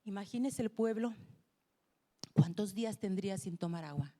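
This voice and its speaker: A woman's voice: medium pitch, moderate pace, warm tone. A woman preaching a sermon to a congregation in a conversational way, often turning to them with questions. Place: church.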